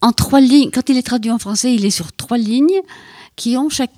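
An older woman speaks as a guest writer in a radio interview. Her voice is mellow and darkly warm, recorded close and dry. She talks in a halting way, with fillers and restarts. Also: fairly high pitch, no echo. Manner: hesitant, many fillers and restarts, reads poems slowly.

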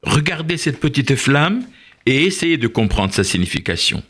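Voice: mid-range voice, big pitch swings, a bit bright. A narrator voicing a solemn old rabbi. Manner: slow, solemn, comforting. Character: venerable older male rabbi, steadfast and hopeful. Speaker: rabbi in a camp. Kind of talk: storybook read-aloud.

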